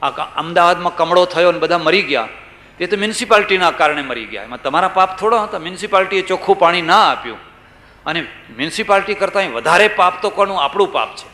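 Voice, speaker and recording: A man's voice: high-pitched, animated, quick pace, sharp tone. A man giving a religious discourse, telling stories and asking rhetorical questions. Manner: storytelling, rhetorical questions, acts out quoted people. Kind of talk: sermon. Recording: echoey room.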